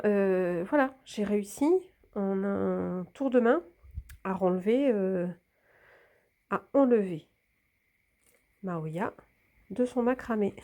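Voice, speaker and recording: A plant vlogger with a slight cold, somewhat congested, chats casually while handling and filming a hanging plant, often dropping to a whisper. Her voice is mid-range with a dark tone.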